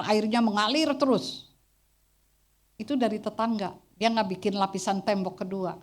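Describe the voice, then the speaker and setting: A middle-aged woman pastor preaching a Sunday sermon in church, telling humorous stories in a loud voice that carries far and often addressing the congregation. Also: mid-range voice.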